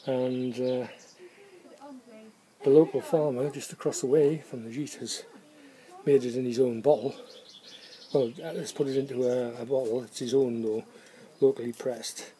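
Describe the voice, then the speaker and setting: A man's voice: mid-range voice, steady tone, unhurried, pauses often, dark tone. A man in his fifties chatting casually to the camera while filming himself outdoors in a garden, reviewing drinks and thinking aloud with ums. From England. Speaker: homebrew vlogger reviewing beer and cider. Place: garden outdoors on a sunny day. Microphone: camera at arm's length.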